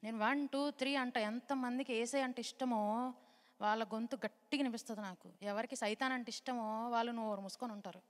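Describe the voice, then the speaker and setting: Lively woman teaching a children's class. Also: a little high, fairly quick, big-room sound. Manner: lively, coaxing children to shout and pray. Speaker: Sunday school teacher. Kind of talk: children's Bible lesson.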